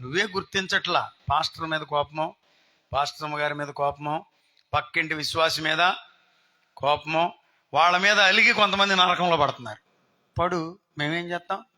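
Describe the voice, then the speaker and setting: A man's voice: on the high side, moderate pace, long pauses, pushed and bright. A man preaching a sermon, putting questions to the congregation and acting out scenes. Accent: Telugu. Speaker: pastor. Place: outdoor gathering.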